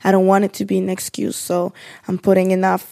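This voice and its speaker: A woman's voice: medium pitch, completely flat delivery, fairly quick, gravelly, mellow. A woman rapper in a casual interview, slangy and mixing in English phrases. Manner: slangy, mixes in English, says "Digga".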